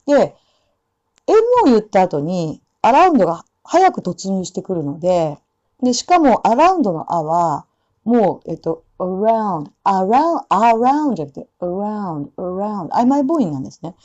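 A woman teaching English pronunciation, explaining sounds and slowly repeating example phrases. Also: medium pitch, big pitch swings, mellow. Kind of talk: pronunciation lesson. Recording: dull lo-fi sound.

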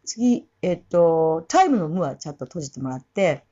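A woman casually teaching English pronunciation for a song in Japanese, repeating and singing short English phrases slowly to demonstrate. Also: deep voice, sing-song, dark tone, dull audio.

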